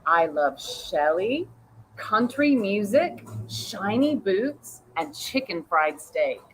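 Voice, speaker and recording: Loving storybook mother, read by a woman, encouraging, animated, unhurried. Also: medium pitch, slight background noise, rough recording. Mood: playful. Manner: warm and encouraging.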